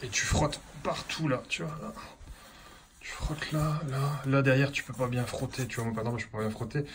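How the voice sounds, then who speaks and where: A chatty plumber films a casual how-to on a handheld phone while working at an indoor building site under renovation, and the recording is noisy. His male voice is mid-range, fairly even in intonation and normal in speed. Informal throughout, he keeps saying "tu vois" to the viewer.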